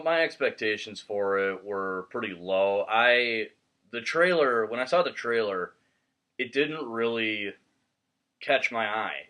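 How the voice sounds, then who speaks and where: A man's voice: on the low side, bright, forceful tone. A man hosting a movie review channel, chatting casually and laughing easily, recorded on a laptop microphone.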